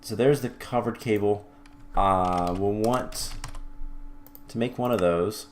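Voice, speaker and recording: Low-voiced man narrating gameplay, thinking aloud. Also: slow pace, slight background noise. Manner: thinks aloud with many fillers and restarts; mildly wry, self-correcting. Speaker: let's-play host. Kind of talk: casual gameplay commentary.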